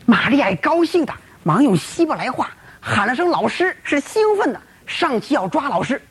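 A woman's voice: sits high, very animated, moderate pace, slightly rough. A woman telling a story in a dramatic, colloquial storytelling style full of exclamations. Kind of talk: traditional storytelling.

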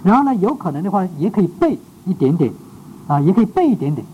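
A man's voice: sits high, very animated, fast. Man teaching a Bible class, lo-fi. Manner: frequent "ah" fillers and rhetorical checks; mixes English words into speech. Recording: dull lo-fi recording with faint background noise.

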